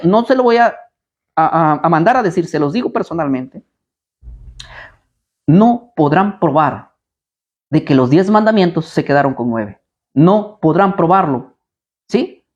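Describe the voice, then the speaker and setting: A man's voice: on the high side, animated, unhurried, long pauses, darkish tone, lo-fi sound. Combative man preaching with rhetorical questions. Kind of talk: live Bible study preaching.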